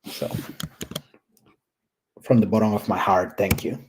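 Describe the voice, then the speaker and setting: The recording is low quality with slight background noise: a man from Puerto Rico, a tech YouTuber with a thick Puerto Rican accent, speaks at a measured pace in a fairly low voice with fairly even intonation. Walking through a coding build on screen, he thinks aloud casually and candidly, with many ums and restarts.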